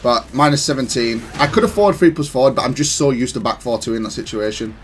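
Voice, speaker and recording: Speaking fast at a medium pitch, this gamer reviews a match he played, laying out the reasoning behind his moves in a relaxed, analytical way and occasionally backtracking. Music runs in the background.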